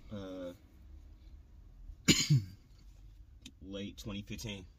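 A man's voice: deep voice, little pitch movement, drawn-out words, pushed and bright. A man in his twenties, a rapper guest, giving hesitant, mumbled answers in casual slang. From Pacific Northwest of the United States. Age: 20s. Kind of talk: casual interview.

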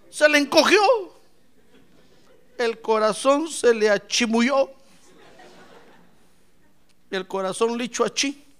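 A male pastor preaching a lively sermon, asking the congregation questions and swinging from shouts to soft asides. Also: very high-pitched, clear, resonant tone. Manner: animated, playful, asks the congregation questions; bursts into shouts then drops to soft asides.

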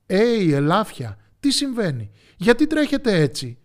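Brief: man doing worried, high-pitched storybook pigs. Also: huge pitch swings, darkish tone. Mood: anxious. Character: herd of anxious pigs.

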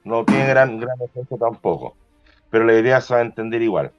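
A man's voice: mid-range voice, animated, fairly quick, soft background music. Rambling man, dull lo-fi sound. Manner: rambling storyteller with self-corrections. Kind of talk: casual chat.

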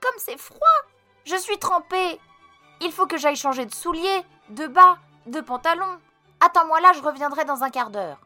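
A woman reading a storybook aloud and voicing a lively, excitable little boy. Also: medium pitch, moderate pace, no echo, soft background music. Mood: yelping.

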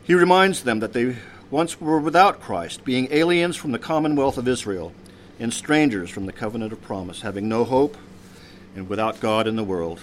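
A priest giving a measured sermon, his voice dropping at the end of phrases. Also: medium pitch, animated, slight background noise. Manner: measured preaching with pauses, voice drops at phrase ends.

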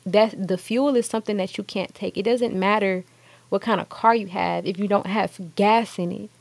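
A woman's voice: medium pitch, fairly even intonation, moderate pace, gravelly, a little mellow, dry recording. A young woman hosting a podcast, giving a casual, earnest motivational talk and acting out quoted thoughts. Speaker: podcast host.

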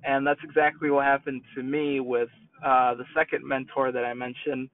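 A man's voice: medium pitch, flat delivery, normal speed. A young man with a New York accent, telling personal stories casually to his channel, often restarting and correcting himself. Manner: rambling, self-correcting with many restarts. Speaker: YouTube creator. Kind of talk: casual personal storytelling to camera. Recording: distant, tinny phone-like sound.

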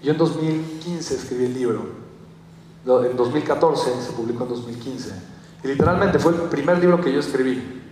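Captured from afar in an echoey hall with crowd noise, a young motivational speaker from Mexico speaks with a Mexican Spanish accent in a mid-range voice at a moderate pace. He narrates a story and animatedly performs the quotes in it.

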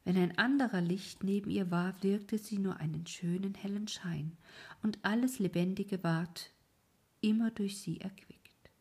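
A woman narrating an old fairy tale in a soft, hushed, mostly whispered storytelling voice. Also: mid-range voice, fairly even intonation, a little slow, slightly rough.

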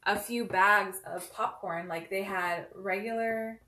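A woman's voice: medium pitch, fairly even intonation, slow, sharp tone. A young woman co-hosting a podcast, recapping a TV episode in casual, rambling chat full of "like" and "um.". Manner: chatty, uses lots of "like" and "um". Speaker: podcast co-host. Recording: roomy echo.

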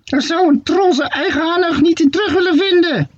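A man voicing a shrill, bickering old witch who screeches scornful insults in a storybook reading. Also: brisk, no echo, dull audio.

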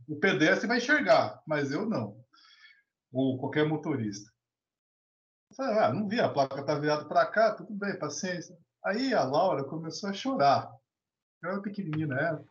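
A talkative Brazilian guy whose rather high voice jumps all over the place tells stories and gives opinions casually. He's a teacher in a discussion, animated and colloquial with many restarts, and the echoey lo-fi recording sounds roomy and dull.

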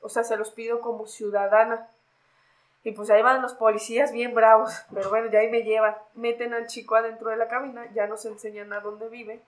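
A woman's voice: on the high side, a little fast, rough recording. A young Mexican woman with a Mexican Spanish accent, a podcast guest casually telling a story and acting out the voices of the people in it. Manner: animated, acts out quoted voices.

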